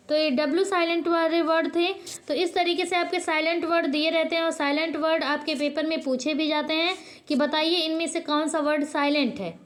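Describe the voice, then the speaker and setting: This channel host teaches in a light, high voice, reinforcing every point by raising a question and answering it at once. Pauses and mid-word corrections come up again and again.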